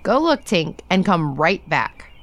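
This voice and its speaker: A woman's voice: on the low side, very animated, slow, fairly bright tone, full character voice. A woman playing a breezy but probing, suspicious mother in an audio drama.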